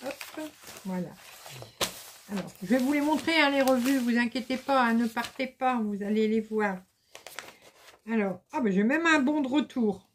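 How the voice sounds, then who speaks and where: A woman's voice: on the high side, normal speed, pauses often, a little hiss or hum. A middle-aged woman chatting casually to her viewers about embroidery magazines, hesitant and full of fillers. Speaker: embroidery vlogger. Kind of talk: casual chat to camera.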